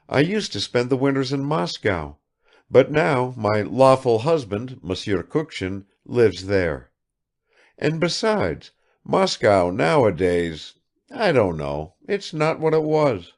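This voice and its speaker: With big swings in his medium-pitched voice, pushed higher than usual, a man reads the part of a chattering, affected provincial woman. She gushes nonstop, rattling off questions without letting anyone answer.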